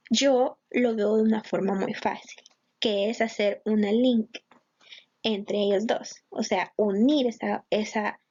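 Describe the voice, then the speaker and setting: Lady english teacher, talks slow and patient, kinda higher voice, dull muffled recording. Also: darkish tone. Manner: patient, mixes English grammar terms into Spanish. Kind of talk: slow explanatory online lesson.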